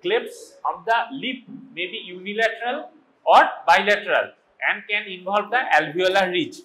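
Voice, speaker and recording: A man with a Bengali accent lectures medical students, moving between English and Bengali and calling on the class with quick informal questions. His voice sits high and bright, and his pace is slow and deliberate. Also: rough recording.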